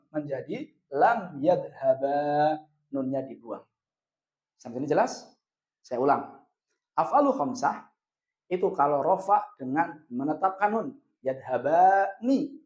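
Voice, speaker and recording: A man with an Indonesian accent teaching a grammar lesson, asking questions and answering them himself, and drawing out the example words slowly. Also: fairly high pitch, sing-song, a little mellow. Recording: echoey room, dull lo-fi sound.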